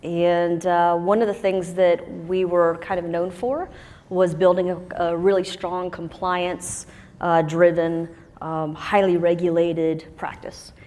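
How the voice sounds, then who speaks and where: A woman's voice: lowish voice, little pitch movement, slow, a little mellow. A woman speaking on a conference panel in a chatty, self-deprecating way with many fillers, from Huntsville, Alabama. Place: conference stage with long hall reverb. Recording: reverberant conference hall.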